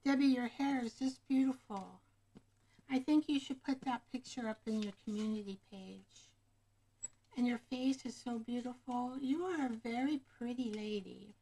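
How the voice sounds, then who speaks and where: A woman hosting a craft livestream has a fairly high, warm, breathy voice and speaks at a moderate pace. She rambles casually and often names viewers as she chats with them. The camera microphone recording is rough.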